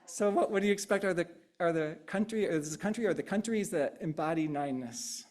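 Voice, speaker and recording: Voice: mid-range voice, fast, a little mellow. Conversational speaker leading an interactive sermon. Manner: conversational, often adding "right?"; repeats and riffs on audience answers. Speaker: speaker at a congregation service. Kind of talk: interactive sermon with congregation answers.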